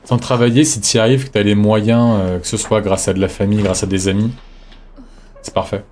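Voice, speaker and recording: A man streaming a game live, thinking aloud in a relaxed, reflective way as he chats with his viewers. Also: fairly low pitch, fairly quick, a little hiss or hum. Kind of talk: live gameplay commentary, chatting with viewers.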